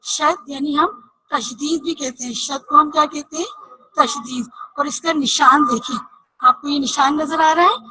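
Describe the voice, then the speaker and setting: A woman teaching young children to read, slowly spelling out letters and asking questions she answers herself. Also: high voice, steady tone, sharp tone, no echo, poor audio. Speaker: Urdu teacher. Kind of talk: online reading lesson for children.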